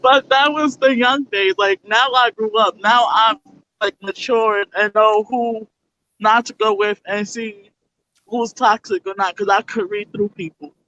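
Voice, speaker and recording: A woman's voice: mid-range voice, steady tone, a little slow, pushed and bright, lo-fi sound. A young woman guest telling her own story bluntly and candidly, swearing freely. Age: young adult. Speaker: interview guest.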